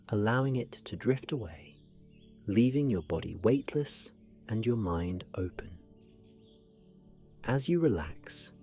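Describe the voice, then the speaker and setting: Slow, low-voiced male sleep story narrator. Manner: gentle, hushed, unhurried guided-relaxation delivery.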